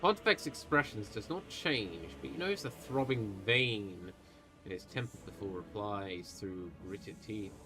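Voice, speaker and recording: A man's voice: on the low side, animated, a little slow, over music. A man running a tabletop game as game master on a livestream, narrating scenes and asking questions with casual asides.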